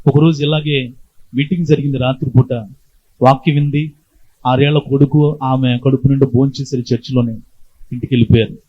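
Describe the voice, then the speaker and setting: A man's voice: mid-range voice, steady tone, brisk, pauses often, husky. A male pastor preaching a sermon, telling a story and calling on the congregation to respond. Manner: call-and-response, urging the congregation to answer. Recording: slightly dull lo-fi recording.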